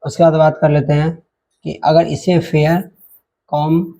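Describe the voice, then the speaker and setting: Male grammar teacher, fairly high voice, mellow and dark, steady explaining tone. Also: normal speed, creaky. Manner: spells words letter by letter, repeats "ठीक है" often. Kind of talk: online grammar lesson.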